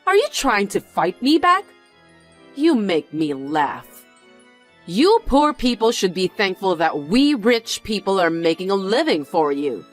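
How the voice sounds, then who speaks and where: A woman's voice: mid-range voice, very animated, a little slow, soft background music. A woman voicing a sneering rich snob. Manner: sneering, condescending. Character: snobbish rich woman, mocking and boastful. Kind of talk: dubbed drama dialogue.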